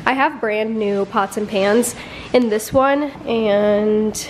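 With a steady, mid-range voice and an unhurried pace, a twentysomething vlogger gives a chatty, rambling tour of her apartment rooms and closet, full of "like" fillers. She films on a handheld phone, and there's background noise.

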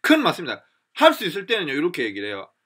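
Male pronunciation teacher, Korean accent, slightly high voice, bright, drills lines with lively swings. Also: rapid-fire. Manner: animated, repeats and drills example phrases. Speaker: English pronunciation instructor. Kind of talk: lively classroom lecture with demonstrations.

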